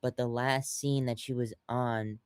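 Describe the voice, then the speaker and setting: A young man chatting casually on a podcast, his voice sitting in an ordinary middle pitch. He rambles with constant fillers and restarts, and the sound is dry and close with no room around it. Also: level tone, unhurried, clean tone, no echo. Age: young adult. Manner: rambling, many fillers and restarts, acts out quotes. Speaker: podcast co-host. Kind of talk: casual chat.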